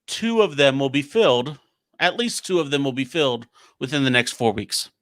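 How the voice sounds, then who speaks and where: A young man with a bright, forceful voice talks about a film in an easygoing way, stumbling and restarting now and then. The recording is close and dry. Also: medium pitch, sing-song, moderate pace, dry recording. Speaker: podcast co-host. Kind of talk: casual movie review chat.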